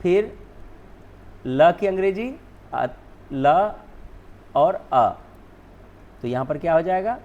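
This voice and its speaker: A man's voice: fairly high pitch, lively intonation, slow pace, long pauses, darkish tone, highs cut off. A male teacher whose first language is Hindi, explaining spelling rules step by step, often asking and then answering his own questions. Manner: repeats "ठीक है ना", asks and answers own questions.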